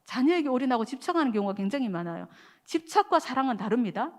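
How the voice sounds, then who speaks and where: A woman's voice: sits high, very animated, fast talker. A woman preaching to a church prayer meeting, telling a story in a conversational way with many small fillers and speaking straight to the congregation. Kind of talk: sermon with storytelling.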